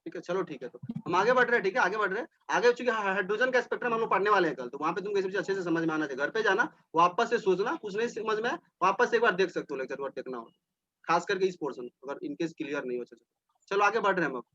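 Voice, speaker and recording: High, bright-voiced man teaching a class. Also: very fast, highs cut off. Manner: explanatory, repeats points, talks directly to students. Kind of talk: classroom lecture.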